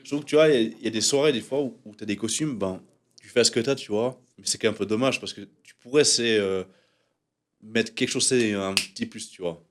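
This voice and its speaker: A man's voice: lowish voice, a little fast. A young man with a Swiss French accent, chatting casually on a podcast and rambling with lots of fillers. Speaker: podcast co-host. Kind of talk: casual chat.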